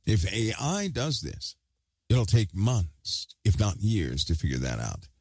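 A man's voice: on the low side, wildly swooping pitch, slow, darkish tone, breathy edge, no room sound. A man preaching an online sermon, emphatic and repeating phrases for stress, talking with a hard object held in his mouth.

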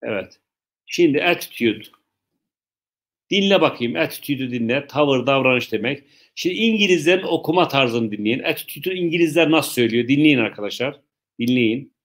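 A man teaches English in a live online lesson with a mid-range, animated, slightly bright voice. He explains slowly, repeats himself, and jokes around with viewers' questions.

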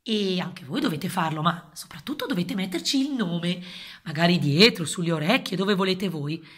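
A woman's voice: on the low side, lively intonation, normal speed, a bit bright. A woman presenting a craft to children in simple words, coaxing them and often checking that they follow. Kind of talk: simple instruction addressed to children.

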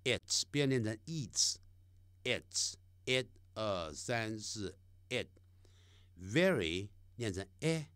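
Male teacher, drilling English sounds slowly, up-and-down delivery. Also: fairly low pitch, animated, a bit bright, clean tone, no room sound, clean studio sound. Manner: slow drawn-out demonstration of sounds. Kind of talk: language lesson.

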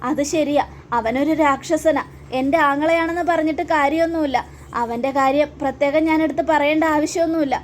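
A woman's voice: high-pitched, fairly even intonation, fairly quick, slight background noise, pitched above the performer's own voice, lightly acted. A woman voicing a bitter middle-aged woman who speaks emphatically.

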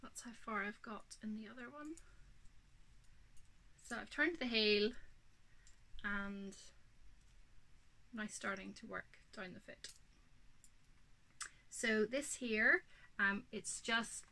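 Speaking at a medium pitch with a sharp tone on a rough recording, this knitting podcast host from Northern Ireland, a woman in her thirties, shows off her work indoors in her craft room at home. Her talk is relaxed, chatty and full of ums, and hay fever leaves her slightly snuffly.

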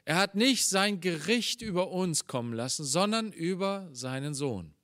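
A man preaching a Sunday morning sermon in German, reading scripture slowly and explaining it with earnest emphasis. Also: sits high, lively intonation, fairly bright tone, dry recording, studio quality. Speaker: pastor.

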